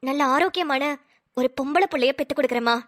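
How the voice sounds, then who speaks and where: A woman voicing a polite, pregnant young wife in a cartoon, who speaks quietly and meekly. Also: sits high, fast, voice pushed down. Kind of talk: cartoon voice acting.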